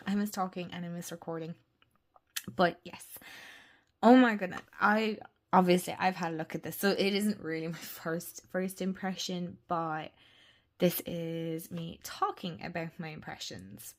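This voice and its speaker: A woman chatting casually through a tarot deck review at her desk. Her voice is worn from illness, and she gushes and often drops into soft whispers. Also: fairly low pitch, fairly even intonation, unhurried.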